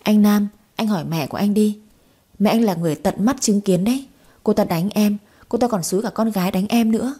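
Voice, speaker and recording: A woman voicing a spiteful young woman who scolds sharply and fast. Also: mid-range voice, warm tone, husky, natural voice.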